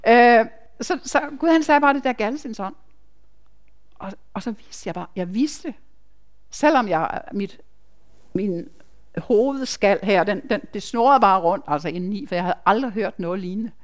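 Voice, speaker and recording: A woman's voice: mid-range voice, expressive. A woman, a nurse, giving a chatty, emphatic personal testimony to a congregation, with asides to the listeners.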